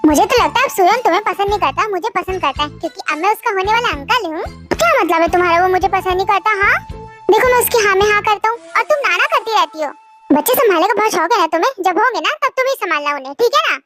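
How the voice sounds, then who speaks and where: A woman's voice: very high-pitched, lively intonation, racing, music in the background. A woman voicing a teasing young man who boasts he handles kids better, in a fan drama dub.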